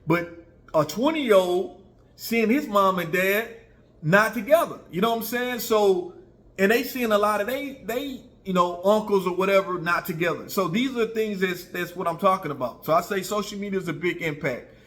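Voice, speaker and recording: An American man in his early 40s, working as an online video commentator, speaks in a high voice at normal speed with a fairly bright tone. He offers casual opinions to viewers conversationally, repeating things for emphasis and regularly checking in with his audience.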